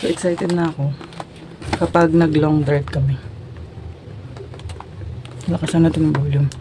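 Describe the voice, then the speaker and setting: In this casual unboxing and demo vlog, a woman from the Philippines chats with her audience at a measured pace. She has a low-pitched voice and keeps her tone steady, while noise lingers in the background.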